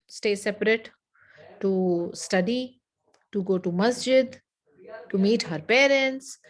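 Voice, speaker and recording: Woman teacher slowly dictating a lesson. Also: on the high side, poor audio. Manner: slow, repetitive dictation with frequent "okay". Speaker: Islamic studies teacher. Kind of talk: online class lesson, dictating notes.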